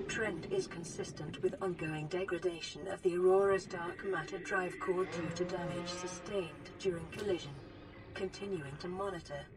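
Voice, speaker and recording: A woman voicing a calm female AI assistant that speaks in a gentle, even, clinical robotic tone with a synthetic computer edge. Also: fairly low pitch, normal speed, poor audio. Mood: warning. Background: game music.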